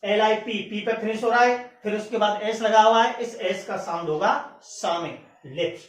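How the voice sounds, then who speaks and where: A man's voice: high voice, moderate pace. A man teaching English pronunciation rules step by step, often checking whether the class has understood. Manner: explains step by step and keeps checking "clear?". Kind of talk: classroom-style lesson. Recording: echoey room, mic far off.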